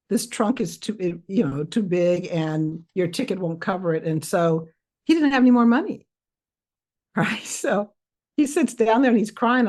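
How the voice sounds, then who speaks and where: A woman with a fairly low voice, speaking as a podcast guest. She talks reflectively. She often hesitates and circles back before finishing her thought. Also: darkish tone. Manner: thoughtful, hesitant, with many fillers. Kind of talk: conversational interview.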